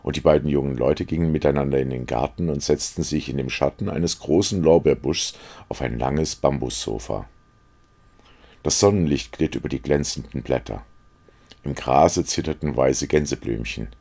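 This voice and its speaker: Deep husky guy narrating an audiobook, slow calm storytelling, lots of fry. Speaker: audiobook reader. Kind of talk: scripted literary narration.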